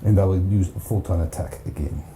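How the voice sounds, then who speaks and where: A man's voice: low-pitched, fairly quick, mellow, a little hiss or hum. A man narrating a solo board game campaign, counting dice aloud in a chatty, self-mocking way. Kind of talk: casual play-through narration.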